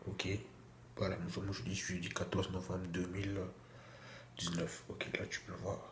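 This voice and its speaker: Speaking at a moderate pace in a low, totally flat voice, a man with a cold vlogs casually to his phone from a small bathroom at home, often restarting and repeating himself. A little hiss or hum sits under the echoey, faintly ambient sound.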